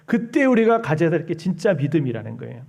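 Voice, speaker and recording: A male pastor delivers a Sunday sermon in a high but mellow voice. He pleads with the congregation and drives each point home with emphasis. Now and then he slips into the mocking tones of scoffers to make his point. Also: very animated, fast, gravelly.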